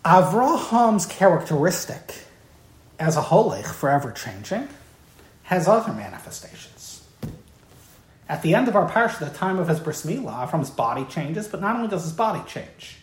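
A woman's voice: lowish voice, sing-song, moderate pace. A woman giving an evening Torah lecture in an emphatic, impassioned way, often repeating key words. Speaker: Torah teacher. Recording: roomy, echoey room.

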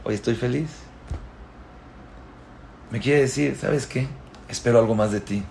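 A man giving a religious lecture as a rabbi. He tells stories and swings from loud exclamations to hushed asides. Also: mid-range voice, unhurried, vocal fry. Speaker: rabbi giving a Torah talk.

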